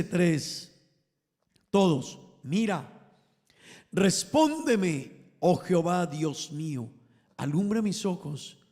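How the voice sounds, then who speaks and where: A man preaching a sermon to his congregation, emphatic, rising loud and falling soft as he calls them brothers. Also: sits high, in a large hall. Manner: emphatic, swells and drops in volume, addresses congregation as brothers.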